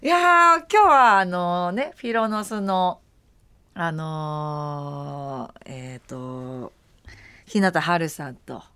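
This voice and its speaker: Host, a woman with a lowish voice, relaxed and rambling, full of fillers. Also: very slow, smooth. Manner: chatty and rambling, with many fillers and bursts of laughter. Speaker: radio show host. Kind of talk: casual after-show chat.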